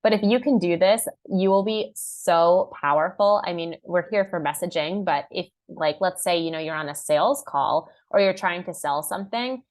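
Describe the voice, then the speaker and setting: Young woman, workshop presenter: low-ish voice, casual and upbeat, lots of "like". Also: moderate pace, hardly any pauses. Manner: upbeat and conversational, heavy use of "like"; acts out clients' and buyers' lines in a raised voice. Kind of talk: online class presentation.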